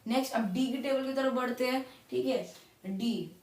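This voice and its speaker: Echoey, higher-voiced woman teaching German. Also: a little mellow, far from the mic. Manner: repeats words slowly, checks in with "ठीक है" and "guys". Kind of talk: casual classroom explanation. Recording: roomy echo, voice off-mic.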